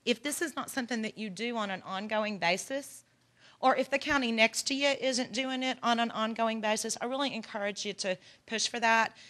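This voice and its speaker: In a conference room, a woman from Texas presents a workshop with earnest encouragement and a folksy touch, speaking in a Texan accent. Her voice is mid-range, pushed and bright.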